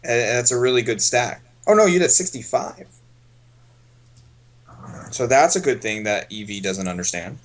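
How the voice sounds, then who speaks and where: A man coaching poker on a casual stream, thinking aloud in a relaxed way as he explains each hand. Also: mid-range voice, moderate pace, long pauses.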